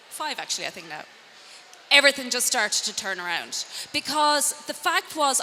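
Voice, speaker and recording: This motivational talk comes from a middle-aged transformative coach from Connemara, Galway, speaking in a west of Ireland accent to a live audience indoors. Her slightly high, sharp voice keeps it conversational, with rhetorical questions and wry jokes at her own expense. Reverberation and clear background noise fill the hall.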